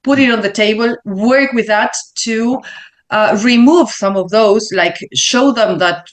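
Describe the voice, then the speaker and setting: A woman with a Uruguayan Spanish accent, a learning consultant being interviewed, speaking English as a second language and pausing to find her words. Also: a little high. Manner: thoughtful, searching for words with fillers. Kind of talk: interview answers.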